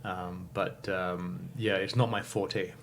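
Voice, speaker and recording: Low-voiced guy in his 50s, thoughtful, lots of ums, faint hiss behind. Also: level tone, takes it slowly. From England. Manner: thoughtful, many fillers, self-correcting. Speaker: guest. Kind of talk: reflective interview answers.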